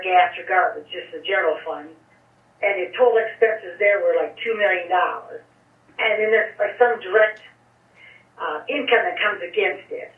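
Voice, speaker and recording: A woman's voice: mid-range voice, far from the mic. A woman auditor heard over a speakerphone, giving an informal, chatty presentation to a council, full of fillers and restarts. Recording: tinny speakerphone in an echoey room.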